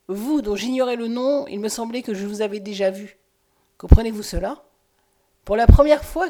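Rich and earnest, a woman voices a tormented man searching for his forgotten past, pleading with quiet intensity. The voice sits a little high for a man, keeping the tone of a storybook reading. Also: natural voice. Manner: earnest, impassioned. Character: haunted man with lost memory, pleading and intense.

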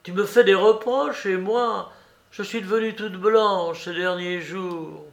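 A man's voice: high voice, steady tone, slow, gravelly, fairly bright tone, pitched above the performer's own voice, heavily acted. A man reading aloud, voicing a grieving old mother who sobs and pleads with her son. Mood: tearful pleading. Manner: tearful, pleading.

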